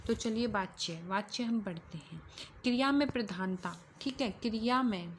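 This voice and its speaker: A woman's voice: medium pitch, moderate pace, slight background noise. A woman teaching a grammar lesson to exam students, explaining step by step and repeating key phrases to check along.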